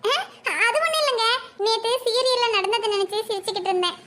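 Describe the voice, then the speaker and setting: A woman's voice: extremely high pitch, quick pace, background noise. A woman voicing a scheming young cartoon housewife with a Kanyakumari Tamil accent, fretting and muttering to herself. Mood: nervous. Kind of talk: cartoon voice acting.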